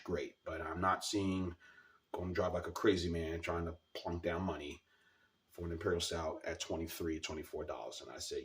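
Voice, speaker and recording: A man's voice: deep voice, fairly bright tone, distant mic. A man with a scratchy, sore-sounding throat gives a casual, informal product review as a video host, repeating words for emphasis.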